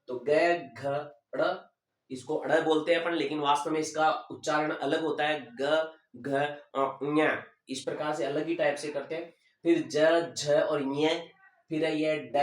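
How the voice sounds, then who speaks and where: A man teaching a grammar lesson, slowly and carefully sounding out each letter for his students. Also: on the high side, distant mic. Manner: slow, deliberate enunciation of sounds for students. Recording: echoey room, voice off-mic.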